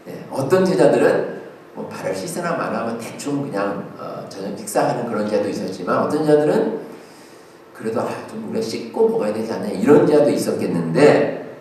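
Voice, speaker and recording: A man's voice: mid-range voice, slight background noise. A male pastor giving a conversational sermon with fillers and rhetorical questions. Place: church sanctuary. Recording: echoey church hall, mic at a distance.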